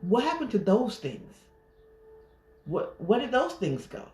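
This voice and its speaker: A woman life coach giving a gentle, reflective affirmation talk, pausing often. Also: on the high side, big pitch swings. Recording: roomy echo.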